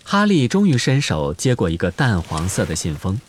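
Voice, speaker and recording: A man reading an audiobook with expressive scripted storytelling narration. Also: fairly low pitch, moderate pace, slight background noise.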